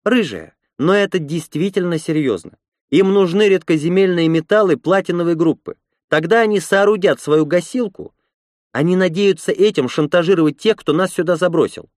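A woman's voice: on the low side, normal speed, a little mellow, no room sound, clean studio sound, voice pushed up, natural voice. Man voicing a proud, earnest settlement leader woman.

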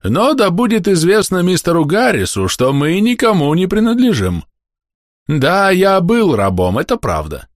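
A man reading an audiobook, voicing a proud old man who speaks slowly and solemnly. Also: sits high, wildly swooping pitch, no room sound, clean studio sound, voice pushed up. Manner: slow, solemn. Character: dignified old freed man, proud and calm.

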